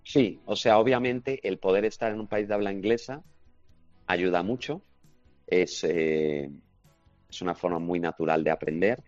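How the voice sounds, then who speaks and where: A man's voice: sits low, moderate pace, darkish tone, no echo, soft background music. A man, answering interview questions as a language teaching expert, confident and explanatory. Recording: slightly dull lo-fi recording.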